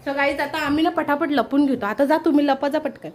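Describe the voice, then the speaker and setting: A woman vlogging at home in casual chat, excited and playful as she talks to her viewers. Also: high voice, brisk, slight background noise. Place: home with a sofa.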